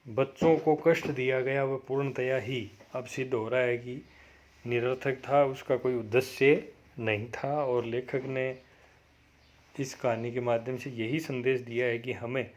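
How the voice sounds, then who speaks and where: A man, a college lecturer, reading a story aloud to his class and explaining it, in a steady read-aloud manner with occasional self-corrections. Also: mid-range voice, measured pace.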